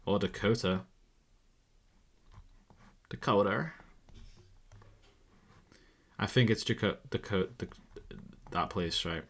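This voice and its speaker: Young man, low-pitched voice, casual live-stream commentary, thinking aloud, exasperated, swearing. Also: slow, pauses often, a bit bright. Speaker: live-streaming forex trader.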